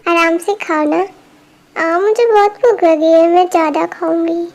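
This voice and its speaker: A woman voicing a stubborn, sulky little girl in an amateur fan dub, with a slow, pouty, childish way of talking. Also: extremely high pitch, a little mellow.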